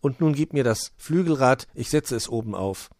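A man's voice: medium pitch, expressive, moderate pace, a little mellow, dry recording, clean studio sound, voice pushed up, natural voice. A man voicing a skeptical, demanding young female gnome in a storybook reading. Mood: cheerful. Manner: critical, demanding.

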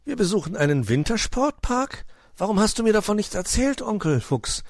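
Man voicing an eager young nephew, children's storybook, high chattering voice, dry sound. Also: moderate pace, no room sound. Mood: thrilled. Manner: excited, chattering. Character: eager young male nephew animal, excitable.

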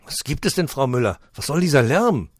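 A man's voice: medium pitch, sing-song, fairly quick, breathy edge, dry recording, pitched above the performer's own voice. A man reading aloud voices a flustered care home director who tries hard to sound firm.

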